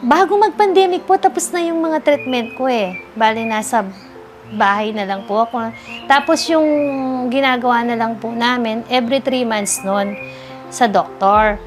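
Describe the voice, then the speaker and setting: Earnest woman sharing her story softly. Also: on the high side, normal speed. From Philippines. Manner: soft-spoken, earnest, addresses interviewer politely. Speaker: interviewee, cancer survivor. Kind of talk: emotional testimonial interview. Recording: music bed underneath.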